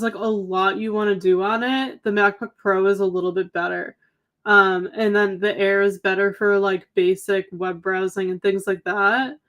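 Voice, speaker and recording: A woman's voice: mid-range voice, fairly bright tone. A young adult woman co-hosting a reading livestream, chatting casually with viewers, with a lot of "um" and "like," her voice slightly worn. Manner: chatty, lots of "um" and "like". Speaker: livestream co-host.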